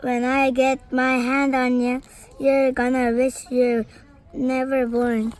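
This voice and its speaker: A woman's voice: sits high, level tone, slow, poor audio. A woman voicing a hotheaded male villain cat from a comic book, ranting a string of silly insults. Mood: angry ranting.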